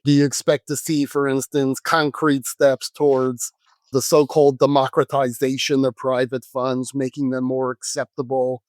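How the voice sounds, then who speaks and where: A man co-hosting a podcast, putting polite, deliberate questions to his guest. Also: medium pitch, level tone, dry recording. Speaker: podcast co-host. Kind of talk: interview questions.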